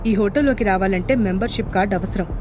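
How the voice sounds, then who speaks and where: A woman voicing a male hotel security guard in an audio drama, speaking in a formal, brisk way. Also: mid-range voice, noisy background, lightly acted.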